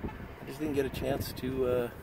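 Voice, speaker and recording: A vlogger in his fifties chats casually to a dashboard camera while driving, relaxed and rambling with frequent fillers. His mid-range voice has vocal fry at normal speed, and loud car and road noise fills the recording.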